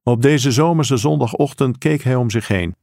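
A man reading a crime story aloud in steady, measured scripted narration. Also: mid-range voice, vocal fry, no echo, clean studio sound. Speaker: audiobook narrator.

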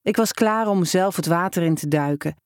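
Storyteller for a first-person story reading, mid pitch, steady and measured, in a dry close take. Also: clean tone, no echo.

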